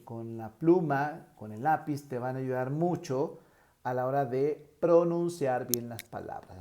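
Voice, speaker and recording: A Mexican man with a tenor voice teaching an online lesson, acting out pitch examples as he goes. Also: dark tone. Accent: Mexican Spanish. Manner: demonstrative, shifts pitch to show examples. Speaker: teacher trainer.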